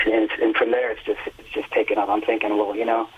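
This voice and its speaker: Fast, husky, and lowish with little pitch movement, this man's voice carries his long, earnest, filler-heavy stories through a relaxed telephone interview. He's a singer and music teacher in his fifties, and the phone line sounds tinny.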